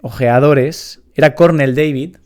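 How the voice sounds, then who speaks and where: A man's voice: medium pitch, a little slow, a little mellow. A man in his thirties telling a rambling anecdote in casual talk, swearing now and then. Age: 30s.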